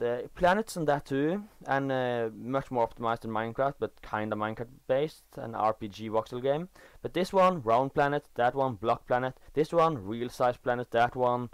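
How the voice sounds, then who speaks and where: A teenage boy from Norway, a gaming video creator speaking English as a second language, records dry voice-over commentary after playing, talking over his own footage. His medium-pitched voice is clear and resonant, and he's halting and self-correcting but enthusiastic about game details.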